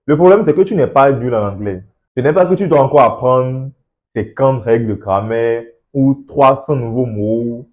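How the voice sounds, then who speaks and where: A man talks straight to the viewer in a motivational coaching tone. He asks rhetorical questions and repeats words for emphasis. His voice sits at an ordinary middle pitch and comes through a slightly dull, lo-fi recording. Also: moderate pace. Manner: encouraging, rhetorical questions, repeats words when stressing a point. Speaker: host of an English-learning channel. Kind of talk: motivational talk to camera, addressing the viewer directly.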